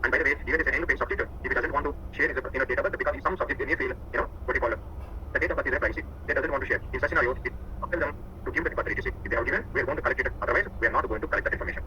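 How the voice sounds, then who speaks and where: A man's voice: mid-range voice, racing, pauses often, bright, forceful tone, slight background noise, rough recording. A man giving an online class over a video call, repeating key points and often asking if the students follow. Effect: heard over a video call. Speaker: instructor. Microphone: computer mic on a video call.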